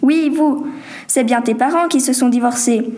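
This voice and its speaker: A woman's voice: high-pitched, moderate pace, warm tone, natural voice. A woman voicing a pushy young man in his twenties, blunt and questioning. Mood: insistent.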